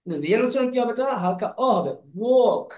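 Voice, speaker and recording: A man teaching English pronunciation in an online class, slowly repeating sounds and words over and over. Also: high voice, lively intonation. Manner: slow, repeats sounds and words many times. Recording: echoey room.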